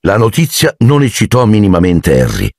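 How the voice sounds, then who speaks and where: Brief: low, gravelly male narrator, lively delivery, husky tone. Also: normal speed, dry recording, clean studio sound. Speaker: audiobook narrator. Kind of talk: audiobook narration.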